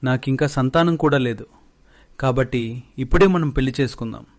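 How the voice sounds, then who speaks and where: A man's voice: mid-range voice, a little fast, natural voice. A man voicing an eager spellbound husband.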